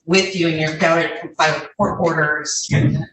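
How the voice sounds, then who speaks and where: A judge passing sentence in a courtroom, speaking in a firm, measured, formal manner. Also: medium pitch, fairly even intonation, noisy background. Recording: roomy courtroom audio from far off.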